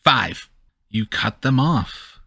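A man's voice: mid-range voice, animated, takes it slowly, gravelly, pushed and bright, breathy edge. A man speaking casually as game master, narrating a tabletop game and calling for dice checks.

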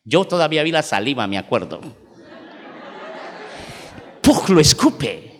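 High-voiced Mexican preacher in a hall. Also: male voice, brisk, a faint crowd. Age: 40s. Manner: animated, emphatic storytelling. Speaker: pastor. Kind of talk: sermon. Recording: long church hall reverb.

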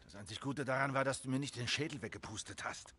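A man voicing a gruff, weary middle-aged survivor in video game dialogue, speaking curtly. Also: mid-range voice, quick pace, sharp tone. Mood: grumbling. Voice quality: curt, grumbling.

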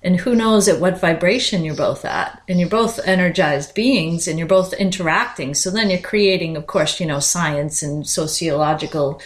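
A woman's voice: on the low side, normal speed, hardly any pauses. A woman co-hosting a podcast in casual chat, explaining ideas conversationally in long run-on sentences. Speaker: podcast co-host.

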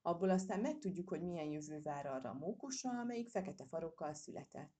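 A woman narrates a children's storybook aloud. Her voice is low, dark and mellow, with a husky grain, and she reads in a steady storytelling manner.

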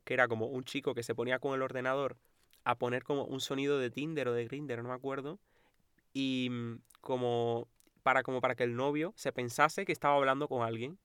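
Bright-voiced young Spanish man chatting. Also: mid-range voice, clear, resonant tone, no echo, clean studio sound. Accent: Spain Spanish. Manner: animated storytelling, acting out quotes, frequent laughter. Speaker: podcast co-host. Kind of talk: casual chat.

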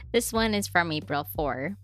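Giggly young woman reading her diary. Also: fairly low pitch. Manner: giggly, chatty, self-mocking asides.

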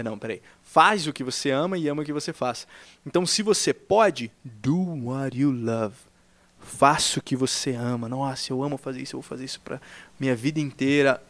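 Male co-host, casual storyteller, gravelly, dry close mic. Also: mid-range voice, dry recording. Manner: animated, reenacts conversations, says "cara" often. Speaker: podcast co-host telling his work story. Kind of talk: casual chat.

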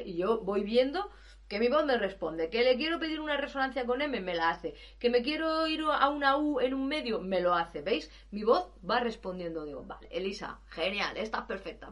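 Woman, singing teacher, fairly high voice, explains then sings vocal exercises. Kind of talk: vocal warm-up demonstration.

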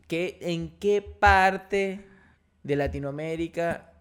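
High-voiced man telling stories. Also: takes it slowly, smooth. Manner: storytelling, animated, uses "literal" and "o sea". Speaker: podcast co-host. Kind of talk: casual chat.

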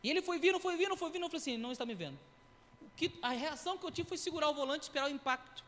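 A man in his thirties giving a sermon testimony, telling his story in a lively way with acted-out quotes and sound effects. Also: very high-pitched, very fast, in a large hall. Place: church.

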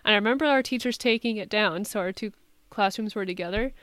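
A woman's voice: mid-range voice, quick pace, dry recording. A young woman co-hosting a podcast, telling stories casually with lots of likes and laughter. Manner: animated storyteller, laughs often, says like. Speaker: podcast co-host. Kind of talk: casual chat.

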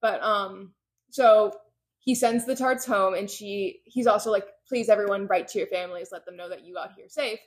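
A woman recaps a novel for her co-hosts in relaxed, easygoing chat. She slips into brief quoted lines and fills the gaps with plenty of "like" and "um." Her voice sits at an ordinary middle pitch. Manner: retells scenes with quick quoted voices, lots of fillers. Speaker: podcast co-host recapping a book. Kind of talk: casual chat.

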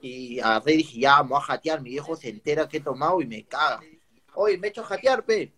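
A Peruvian-accented man with a high voice tells stories in casual chat. His talk is crude and full of street slang. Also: expressive, fairly quick, slightly rough. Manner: crude, slang-heavy storytelling.

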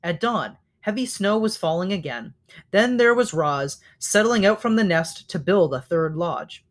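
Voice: medium pitch, lively intonation, unhurried. A reader reading a children's novel aloud, now and then stopping to correct slips.

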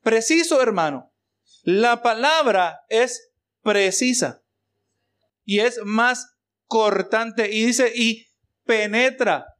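A man's voice: high-pitched, drawn-out words, long pauses, fairly bright tone. A man preaching a sermon as pastor, mixing rhetorical questions and exclamations of praise for the congregation.

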